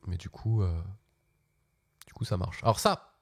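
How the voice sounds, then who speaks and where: A man's voice: low voice, very animated, a little slow, vocal fry, no room sound. A man hosting a casual live tech walkthrough from his office, chatty and slangy, often restarting his sentences. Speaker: host.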